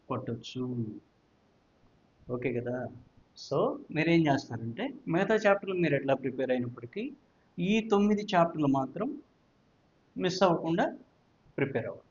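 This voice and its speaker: A male physics teacher with a Telugu accent guides students through exam prep, mixing Telugu and English and repeating points with check questions. His fairly high, slightly mellow voice has lively intonation, a moderate pace and long pauses, captured in dull, lo-fi audio.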